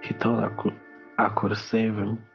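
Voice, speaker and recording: A middle-aged Rwandan man reading a personal apology in a slow, solemn, measured way, heard over muffled video call audio. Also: lowish voice, completely flat delivery, gravelly, faint music behind. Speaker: interview guest.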